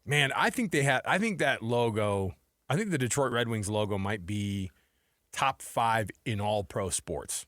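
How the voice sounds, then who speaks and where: In a radio studio, a man hosts a sports talk show as if chatting with a buddy, calling his listeners and co-host "man" and "dude." His lowish voice is unhurried and a bit bright, with lively intonation. The sound is clean studio quality with no echo.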